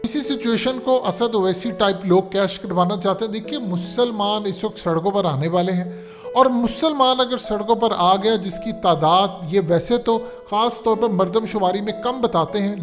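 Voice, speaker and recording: A man from Pakistan, giving emphatic, lecturing political commentary as a show's host. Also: high-pitched. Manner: emphatic, lecturing, repeats "dekhiye".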